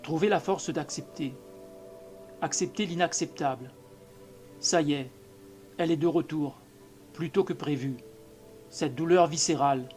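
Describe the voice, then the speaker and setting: A man reading a short story aloud as an audiobook narrator, in a measured, calm manner. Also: a little high. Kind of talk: scripted narration.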